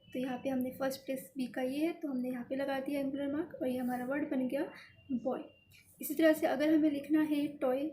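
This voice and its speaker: A woman's voice: high-pitched, mellow, slight background noise. A woman teaching a shorthand lesson, explaining each stroke step by step and repeating the result as she writes. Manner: methodical, repeats each step while writing.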